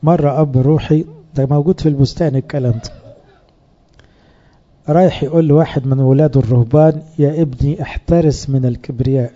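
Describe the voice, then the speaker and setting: A man with an Egyptian accent preaches to a room of fellow priests in a relaxed, conversational way, often stopping to pose questions and answer them himself. His voice is very dark and mellow and sits a little high. The recording is somewhat dull and lo-fi. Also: fast. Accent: Egyptian Arabic. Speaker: priest teaching other priests. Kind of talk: sermon.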